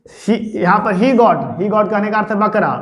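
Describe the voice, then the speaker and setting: Male teacher, high voice, quizzes himself aloud, long reverb. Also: steady tone, a little slow. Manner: poses rhetorical questions and answers them himself; addresses listeners familiarly as "babu". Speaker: English grammar teacher. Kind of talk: explanatory classroom lecture. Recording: echoey room with long reverb.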